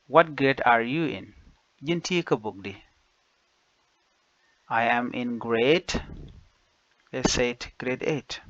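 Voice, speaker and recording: A man teaching basic phrases, saying each one slowly and repeating it in two languages. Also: medium pitch, fairly bright tone, no echo. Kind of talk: slow phrase-by-phrase language lesson. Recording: dull lo-fi dry recording.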